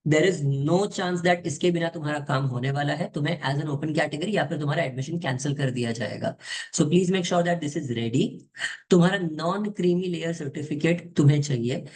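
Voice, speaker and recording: Man, high-pitched voice, casual tutor, direct, informal. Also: a little mellow. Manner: direct, mixes Hindi and English, addresses viewers informally. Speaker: exam coaching tutor. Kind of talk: casual explainer lesson.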